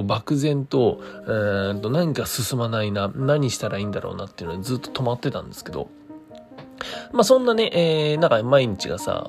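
A man talks casually to his listeners as a stream host, with music playing behind him. His pitch moves around a lot as he slips between courteous announcer phrasing and informal asides. He hesitates and wanders as he works out his thoughts aloud. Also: a little mellow. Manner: polite presenter phrasing mixed with chatty asides; thinks aloud, hesitant and meandering. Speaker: creator hosting his own daily talk stream. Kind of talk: casual solo monologue to listeners.

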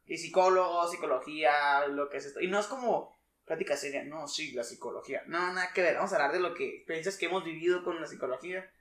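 Fast-talking young Mexican man, echoey room. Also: on the high side. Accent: Mexican Spanish. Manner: slangy, swears freely, fast and animated. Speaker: podcast co-host. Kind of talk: casual chat.

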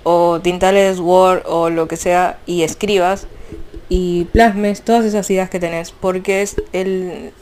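A young woman with an Argentine accent, chatting casually about fanfiction in a rambling, animated way. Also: on the low side. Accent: Argentine Spanish. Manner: chatty, rambling, frequent restarts and fillers. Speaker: fanfiction vlogger. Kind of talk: casual chat.

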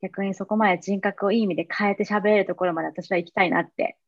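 Quick self-deprecating woman, dull dry sound. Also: medium pitch, steady tone, no echo. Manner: self-deprecating, frequent back-channel nods. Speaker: podcast co-host. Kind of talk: casual chat.

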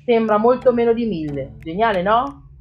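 Woman voicing a bragging, bullying dad, raised pitch, lively swings, storybook reading. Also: moderate pace, highs cut off, slight background noise, lightly acted. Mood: boastful. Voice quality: loud, bullying, self-satisfied. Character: blustering boastful father, a crooked car dealer. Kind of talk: audiobook reading.

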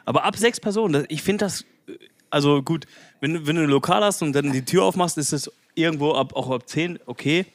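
A man's voice: fairly high pitch, brisk, dry recording. A man in his thirties, a chef hosting a podcast, chatting casually and tagging sentences with "ne?". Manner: chatty, frequent tag "ne?".

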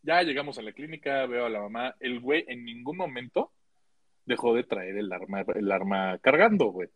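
A young man with a Mexican accent telling a story in a casual group chat, full of slang, jumping his pitch to act out the people he quotes. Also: lively intonation, moderate pace, a bit bright, no room sound. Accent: Mexican Spanish. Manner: slangy, acts out quoted voices with big pitch jumps.

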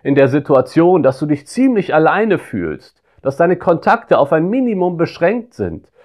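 A man's voice: on the high side, sing-song, moderate pace. A man preaching a devotional sermon, earnest and pastoral, speaking straight to his listeners. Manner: earnest and pastoral, grows quiet and intimate; addresses listeners directly.

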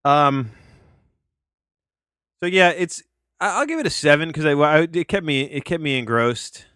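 His voice is fairly high and fairly bright, with lively intonation and an unhurried pace, recorded in clean, echo-free studio quality. This late-thirties podcast host gives a casual, rambling documentary review at home, headphones on, a tree crew working outside, often swearing and breaking off to restart sentences.

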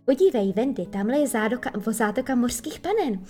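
A woman's voice: a little high, lively intonation, dark tone, natural voice. A woman voicing John, an eager, curious boy hungry for adventure.

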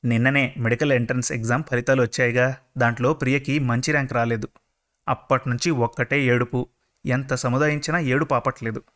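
A man's voice: mid-range voice, fairly even intonation, brisk, fairly bright tone, natural voice. A man voicing a worried middle-aged mother in a told story, explaining things earnestly.

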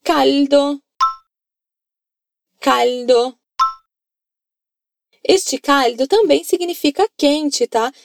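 A Brazilian woman leads an Italian lesson in a high, bright-toned voice. She keeps prompting her listeners to repeat each line. The recording is dry and close, with no room sound. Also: drawn-out words, gravelly, long pauses, dry recording. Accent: Brazilian Portuguese. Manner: encouraging, coaxing the listener to repeat. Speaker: Italian teacher. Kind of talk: language lesson narration.

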